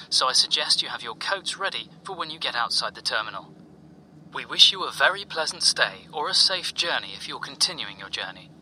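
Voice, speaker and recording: A man playing a flight attendant, giving a formal, polite, scripted airline cabin announcement in a measured way. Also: medium pitch, pushed and bright, a little hiss or hum, low-quality recording.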